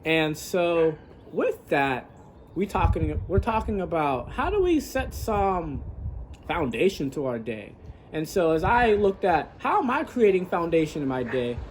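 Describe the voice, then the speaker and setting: A man with a notably high voice talks through his thoughts in a casual vlog. He rambles reflectively, like a coach offering advice. He is outdoors, with light background noise under his words. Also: very animated, a little slow. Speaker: fitness coach and gym owner vlogger.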